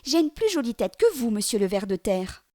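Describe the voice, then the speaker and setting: Woman doing a cunning little boy, high voice, cheeky and mocking, storybook hero. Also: sing-song, fairly quick, darkish tone.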